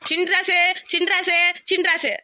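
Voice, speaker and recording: A male village crier in a homemade cartoon, calling names out across the square, voiced by a woman. The voice is very high and bright, and dry and close. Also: flat delivery, measured pace, no room sound, full character voice. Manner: calling out loudly. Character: village crier summoning people, man.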